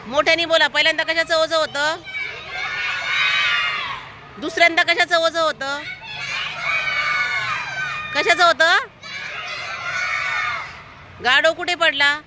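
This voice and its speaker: A woman's voice: high voice, noisy background. A woman teaching a class of young children, telling a story and asking them constant questions, with firm, encouraging instructions. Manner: asks the children constant questions, coaxing answers. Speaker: primary school teacher. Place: school, with outdoor traffic noise behind.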